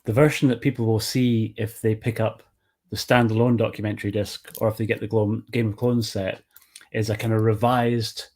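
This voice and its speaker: A man hosting an interview, adding quick, enthusiastic remarks in casual chat. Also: lowish voice, level tone, a little mellow. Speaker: interview host.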